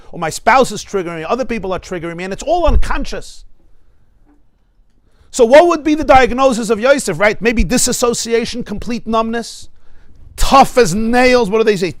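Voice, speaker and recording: A middle-aged American rabbi gives an animated class, his voice sitting high for a man. He laughs often and throws questions to his listeners. The sound is dry and close, with no room echo. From United States. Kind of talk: lively spoken class. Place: synagogue study hall.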